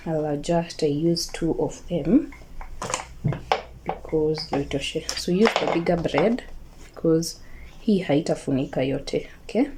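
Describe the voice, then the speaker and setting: A woman's voice: lowish voice, dark tone. A Kenyan woman with a Kikuyu accent giving a casual cooking tutorial, repeating her words, checking in with viewers and mixing in some Swahili. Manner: mixes Swahili words into English. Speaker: home cook presenting a recipe video. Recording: clearly noisy home recording, kitchen clatter.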